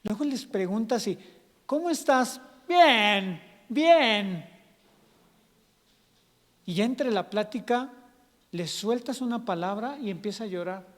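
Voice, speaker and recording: A pastor, preaching conversationally and acting out scenes in a church hall. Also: male voice, high voice, normal speed, a little mellow. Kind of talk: sermon.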